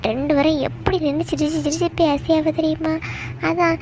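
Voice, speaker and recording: A woman playing a gossipy cartoon neighbour lady, high voice, Kanyakumari Tamil accent, sly and insinuating, faint hiss. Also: level tone, moderate pace, lightly acted. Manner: insinuating, stirring up trouble.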